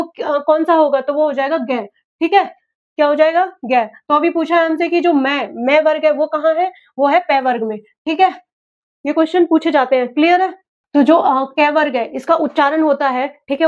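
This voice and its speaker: In dull audio, a high-pitched woman leads an exam-prep class in a repetitive, drilling style. She asks questions, supplies the answers herself, then repeats them back.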